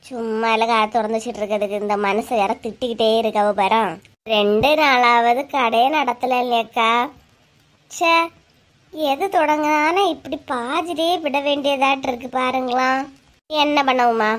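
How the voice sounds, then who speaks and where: A high-pitched, chatty village neighbor in a cartoon, voiced by a woman. She gossips and teases in a broad Kanyakumari Tamil accent, trading quick remarks. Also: fairly even intonation, natural voice. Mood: gossiping. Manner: chatty, teasing, rapid back-and-forth. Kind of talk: cartoon voice acting.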